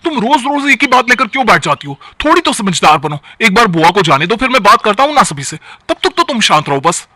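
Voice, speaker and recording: A man's voice: fairly high pitch, a little fast, pushed and bright, dry recording. A man doing a placating young husband. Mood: firm. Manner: soothing, reasoning.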